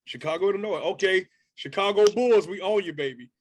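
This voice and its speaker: Guy in his 30s hosting an interview, kinda high voice, chatty and slangy. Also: brisk, slight background noise. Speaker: interview host. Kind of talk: casual interview.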